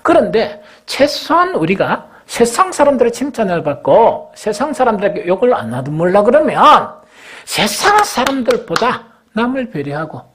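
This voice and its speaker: A middle-aged man, preaching a sermon as senior pastor. He asks the congregation questions and answers them himself, pushing some phrases up loudly and letting others drop low. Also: very animated, moderate pace, husky. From South Korea. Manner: swings between raised, emphatic phrases and low, dropped endings.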